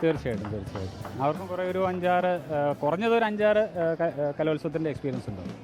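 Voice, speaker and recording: A man's voice: a little high, animated, fast talker, over loud music. A man with a Kerala Malayali accent giving informal interview answers as a kitchen manager, mixing English words into Malayalam.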